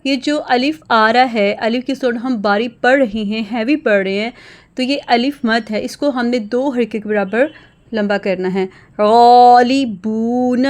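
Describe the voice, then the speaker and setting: A woman teaching Quran pronunciation, explaining rules quickly and then reciting example words slowly and loudly. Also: a little high. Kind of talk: tajweed lesson.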